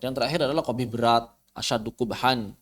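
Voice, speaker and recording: A man teaching Quran recitation rules in an online lesson, explaining with rhetorical questions and chanting Arabic verses slowly. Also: medium pitch. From Indonesia.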